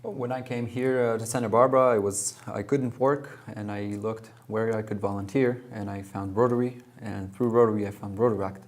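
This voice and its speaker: Low-voiced man who grew up in Israel. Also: fairly even intonation, a little mellow. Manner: halting, with many pauses and fillers. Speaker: guest, club president. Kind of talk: interview answers.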